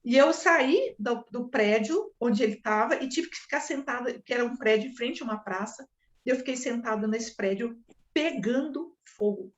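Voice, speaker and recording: High-pitched woman telling her story, lots of repeats and little sound effects, echoey muffled room. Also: moderate pace. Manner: animated, repetitive, sound effects. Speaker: spiritual speaker. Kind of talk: personal storytelling talk.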